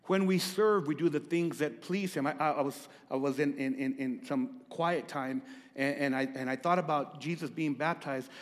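A man delivers a sermon in a church, his voice pitched high for a man. He stammers over repeated words and keeps putting questions to the congregation. The sound rings with a long hall reverb. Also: normal speed. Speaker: pastor.

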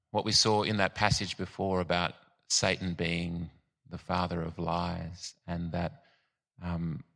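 A man preaching a sermon, thoughtful and unscripted, pausing with frequent ums and restarts. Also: sits low, pushed and bright.

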